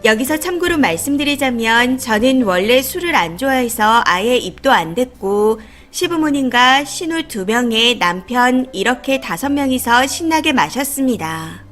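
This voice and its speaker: A woman's voice: a little high, expressive, normal speed, few pauses, fairly bright tone, faint music behind. A woman narrating a reader's life story in the first person, in a confiding, indignant telling.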